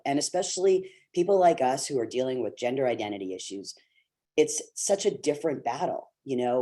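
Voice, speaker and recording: A middle-aged Canadian actor, his voice on the high side with a dark tone, speaks on a video call webinar. He talks candidly to young actors, earnest and encouraging, with plenty of fillers and restarts.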